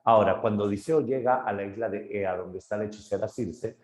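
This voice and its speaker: A male literature teacher retelling a story dramatically, shifting his pace and loudness, in an echoey room. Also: on the low side, brisk. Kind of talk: lively story retelling in a lesson.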